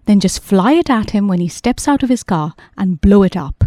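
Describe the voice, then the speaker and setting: A woman reading a wry, worn-out young man in an audiobook, speaking in a calm, dry, matter-of-fact way. The voice is mellow and dark, recorded close and dead dry with no room sound. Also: sits high, moderate pace, no room sound.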